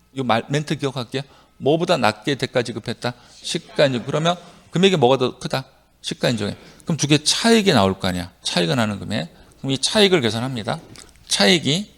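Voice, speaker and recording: A middle-aged male lecturer teaches a live class, drilling his students and having them recite each rule back to him. His pitch swings widely from line to line, and his voice has a gravelly edge. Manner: animated, jumps between loud and quiet. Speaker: tax law lecturer.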